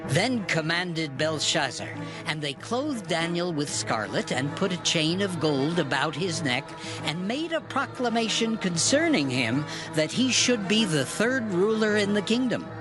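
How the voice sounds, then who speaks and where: A man's voice: sits high, very animated, measured pace, few pauses, poor audio. A man narrating a dramatized scripture reading in formal, storytelling archaic English. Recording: music clearly under the voice.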